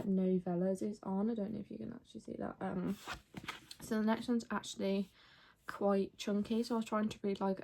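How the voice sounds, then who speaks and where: A woman's voice: a little hiss or hum, poor audio. A young woman chatting casually in a reading vlog, upbeat and full of fillers. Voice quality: slight lisp from a retainer. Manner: quiet, low-key late-night talk; hushed, near-whispered. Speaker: book vlogger.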